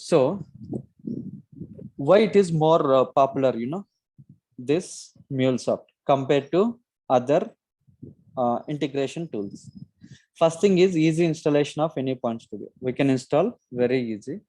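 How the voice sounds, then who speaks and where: Man, Telugu accent, mellow tone, dry close sound, software trainer, instructive live-class explaining. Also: mid-range voice, animated, moderate pace, long pauses, no room sound, low-quality recording. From Telugu-speaking region of India. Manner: instructive, often checking with "okay". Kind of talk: live online lesson, explaining informally.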